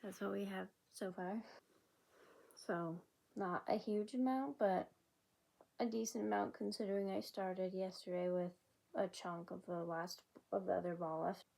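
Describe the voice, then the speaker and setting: A woman's voice: mid-range voice, fairly even intonation, a little slow, creaky, a little mellow. A woman vlogging at home in a casual, rambling way, often using "like" as a filler while she chats about her crafting. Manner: rambling, chatty, many "like" fillers. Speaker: crochet vlogger. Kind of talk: casual vlog chat.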